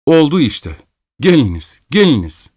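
A man voicing an excited young male lawyer who shouts orders in a hurry. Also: mid-range voice, normal speed, no room sound, studio quality, lightly acted. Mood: eager. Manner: shouting urgently.

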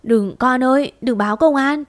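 A woman's voice: fairly high pitch, lively intonation, moderate pace, dry recording, natural voice. A woman voicing a frightened older mother who pleads in a quavering voice, in an audio story. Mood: pleading.

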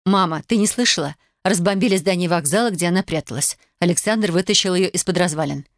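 A reader voicing a sharp-tongued young woman who snaps at her family in an audiobook. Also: medium pitch, dry recording, studio quality, close to an everyday voice. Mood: eager. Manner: snappish, quick.

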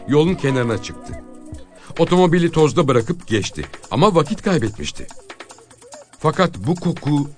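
A man reading a short story aloud in an expressive, dramatic storytelling manner. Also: on the high side. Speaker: narrator.

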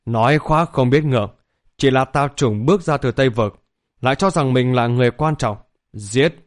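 A man voicing an arrogant young noble warrior, cold and scornful as he shouts. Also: mid-range voice, moderate pace, close to an everyday voice. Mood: furious.

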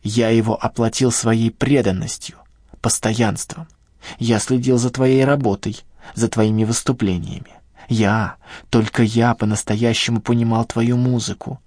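A man reading an audiobook and voicing an obsessive male kidnapper with a high, sharp voice and pathetic, self-righteous outbursts. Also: little pitch movement, a little slow, dry recording, studio quality, lightly acted. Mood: pompous. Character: obsessive unhinged male kidnapper, shrill and hysterical.

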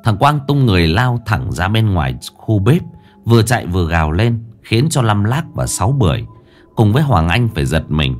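A man narrating a ghost story in an expressive storytelling manner. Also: on the low side, a little fast, soft background music.

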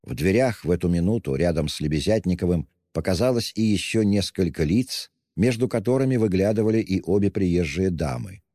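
A male narrator giving a measured, dramatic audiobook reading of a classic novel. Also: low-pitched, lively intonation, warm tone, studio quality. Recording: long hall reverb.

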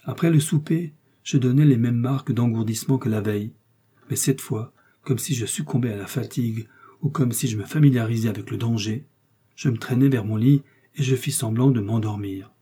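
A man's voice: mid-range voice, a little fast, mellow, slightly rough, lightly acted. A man reading an audiobook, voicing a defiant, vengeful young noblewoman in an impassioned, dramatic way. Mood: tense.

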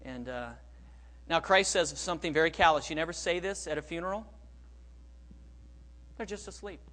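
A middle-aged man preaching a sermon as pastor, moving between quiet, hushed phrases and loud, emphatic bursts. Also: fairly high pitch, a little fast.

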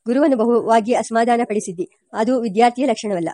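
A woman reading aloud as a bossy old grandfather who rules the village, scolding and lecturing with authority. The voice is fairly high and mellow, recorded close and dry for an audiobook. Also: fairly quick, no echo, close to an everyday voice. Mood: stern, scolding. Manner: commanding, scolding. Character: stern bossy village elder, an older grandfather.

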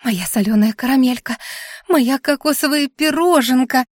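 A woman voicing a plump, tearful female cat who pours out sweet pet names in a raised, drawn-out voice. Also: on the high side, no echo, clean studio sound, voice pushed up, close to an everyday voice. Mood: excited. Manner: showers endearments.

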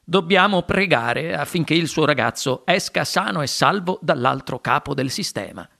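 A man voicing an eccentric elderly male chocolate maker in a read-aloud story, with theatrical leaps in pitch. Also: wildly swooping pitch, measured pace, bright, forceful tone, exaggerated voice. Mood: hushed. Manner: theatrical, swooping pitch jumps. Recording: music playing underneath.

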